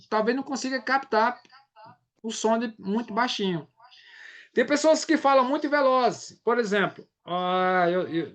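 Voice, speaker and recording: Casual sales trainer. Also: male voice, very high voice. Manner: casual, keeps checking in with the audience. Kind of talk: live online sales training talk.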